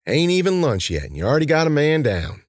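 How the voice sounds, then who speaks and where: A man's voice: on the high side, big pitch swings, fast, no echo, clean studio sound, voice pushed up. A man voicing a sleazy, smarmy older farmhand who drawls and calls a girl honey.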